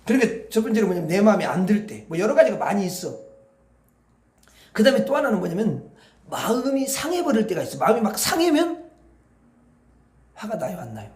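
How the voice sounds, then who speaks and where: A man's voice: sits high, big pitch swings, brisk, pauses often, darkish tone, reverberant. A man preaching a Friday night prayer sermon, asking the congregation questions as he goes. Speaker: pastor. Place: church hall.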